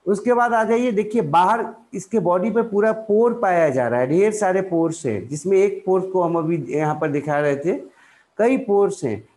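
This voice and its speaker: A man's voice: high-pitched, moderate pace, darkish tone. A man with an Indian accent teaching a biology lesson. He asks questions and answers them himself, with many fillers and restarts. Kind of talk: explanatory lecture in Hindi.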